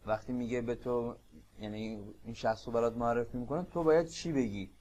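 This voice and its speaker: A Persian-accented man teaching a beginner language lesson, explaining patiently and repeating phrases slowly. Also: medium pitch, darkish tone. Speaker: Spanish teacher.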